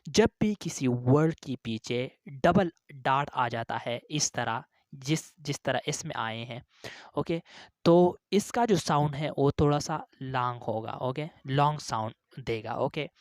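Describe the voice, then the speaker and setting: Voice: mid-range voice, takes it slowly, no room sound, clean studio sound. An English teacher explaining phonetic symbols, who ends nearly every phrase with "okay", draws out hesitant fillers, and repeats each sound and example word several times.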